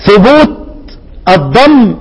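A man with an Egyptian Arabic accent teaches recitation rules in a high voice. He keeps quizzing his listeners and answering himself, and he lifts his pitch to chant each quoted word. A long reverb trails behind his voice. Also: big pitch swings, takes it slowly, slightly rough. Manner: asks the class questions and answers them himself, with frequent restarts; chants quoted verse words at a raised pitch. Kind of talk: explanatory lesson on recitation rules.

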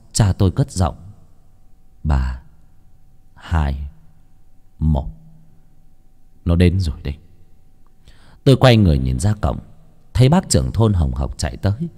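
A man narrating a horror story as an audiobook in an expressive, varied delivery. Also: on the low side. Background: faint music.

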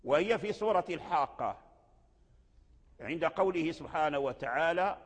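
A somewhat high-voiced man gives a recitation lesson, going back over each example word again and again. His voice trails off into a long hall reverb. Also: animated, normal speed, breathy edge. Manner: explains by repeating each word several times. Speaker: Quran recitation teacher. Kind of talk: classroom lesson explanation.

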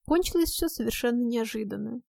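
A woman's voice: on the high side, lively intonation, a little fast, creaky, darkish tone, no room sound, studio quality. A woman narrating a first-person audiobook in a wry, ironic manner.

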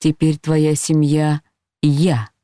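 A woman's voice: low voice, monotone, takes it slowly, dark tone, dry recording, clean studio sound. A woman voicing a stern, controlling husband, an officer, with a curt, commanding way of talking.

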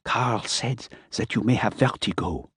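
A man's voice: mid-range voice, expressive, normal speed, darkish tone, husky, dry recording, voice pushed up. A fussy, gloomy man who fears germs, as a male reader puts him on, speaking in raised, clipped, formal phrases with an odd, altered tone. He sounds dry and close, with no room around him. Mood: soft, steady. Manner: formal, precise wording. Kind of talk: audiobook character voice.

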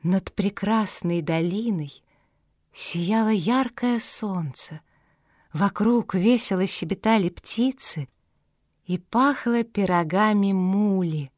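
A woman narrating a children's audiobook in a calm, measured way. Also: medium pitch, no room sound, studio quality.

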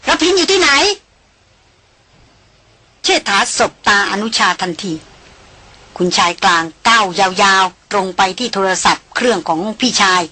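A woman narrating a novel as an audiobook in a steady storytelling manner. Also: mid-range voice, moderate pace, husky.

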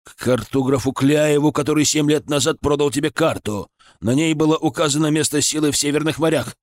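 A man voicing a gruff, stern male secret-police colonel who barks his words slowly and menacingly in an audiobook. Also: on the high side, no room sound, studio quality, lightly acted. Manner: barking, slow and menacing.

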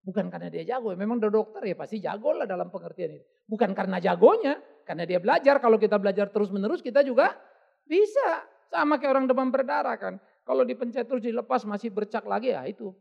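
Male pastor, gravelly voice, animated sermon delivery, dull lo-fi tape. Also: sits high, quick pace. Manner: lively, conversational preaching with quoted asides. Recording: dull lo-fi audio.

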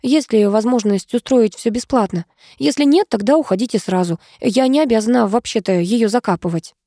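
A woman's voice: a little high, a little fast, mellow, no room sound, clean studio sound. A woman voicing a brash, stingy young woman who blurts out her words in a rush and sounds scornful. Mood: blurting.

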